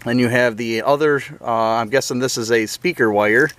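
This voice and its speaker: In a casual DIY vlog, a man explains a hands-on car restoration project to his viewers. He speaks at a normal pace in a slightly bright, mid-range voice.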